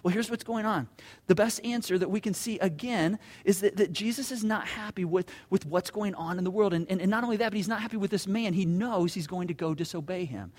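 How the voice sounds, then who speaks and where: A man with a fairly high voice preaches a sermon. He talks earnestly, doubling up words as he builds toward a point. On the solemn lines his voice sinks low and quiet. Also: fairly quick, few pauses. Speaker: pastor.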